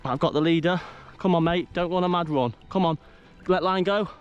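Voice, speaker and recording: A man chatting excitably to his mate while fishing outdoors at a lake. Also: high voice, fairly quick, dull audio, soft background music. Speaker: angler. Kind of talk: casual live chat while fishing. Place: lakeside outdoors.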